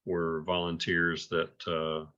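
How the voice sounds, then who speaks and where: Here a man with a low, clear, resonant voice gives an informal report at an amateur radio club meeting in a completely flat delivery, his tone bright and forceful. He's halting and hesitant, often repeating words, and the audio is dull and muffled.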